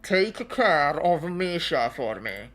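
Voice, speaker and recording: A determined rebel commander speaks in a low, heavy, solemn voice, as a woman puts him on while reading a game story. He talks slowly and gravely. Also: very animated, a bit bright, exaggerated voice.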